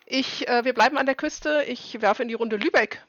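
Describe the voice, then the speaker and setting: A woman in a casual podcast quiz who chimes in quickly and eagerly with her answers. Her voice is fairly high, and the sound is dry. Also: a bit bright, no room sound, lo-fi sound. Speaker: quiz contestant.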